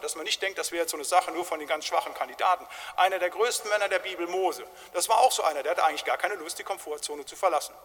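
Guy preaching a sermon, bit high and punchy, loud echo in a big church hall, chatty and emphatic. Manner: emphatic, colloquial, tag questions. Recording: long reverb of a large hall.

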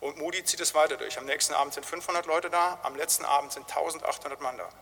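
A man's voice: fairly high pitch, steady tone, quick pace, a bit bright. A man preaching a sermon, telling a story in a casual, conversational way and often tagging his sentences with little questions. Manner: storytelling, conversational with frequent "halt, nicht?" tags. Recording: long hall reverb.

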